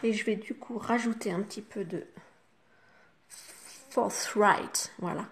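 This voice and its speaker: Une femme francophone au ton bavard, qui explique pas à pas son maquillage aux spectatrices avec beaucoup de « hop » et « voilà ». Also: female voice, medium pitch, slow pace, a little hiss or hum. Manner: chatty, talks the viewer through each step with fillers like "hop" and "voilà". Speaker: makeup vlogger. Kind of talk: casual makeup tutorial.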